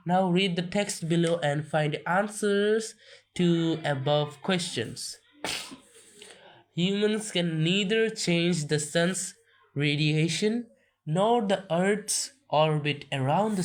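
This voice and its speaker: A man reading a textbook aloud for a video, explaining as he goes, halting with restarts and coughing now and then. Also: a little high. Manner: slow, halting, many restarts and fillers. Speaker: self-taught reader on a video channel.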